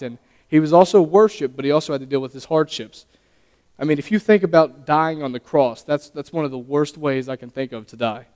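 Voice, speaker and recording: A young man preaching, earnest and a little nervous, who restarts his phrases as he goes. His voice is fairly high and smooth, and it rings out with the long reverb of a church hall. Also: darkish tone. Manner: earnest, halting, stumbles and restarts. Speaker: lay preacher. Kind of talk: sermon.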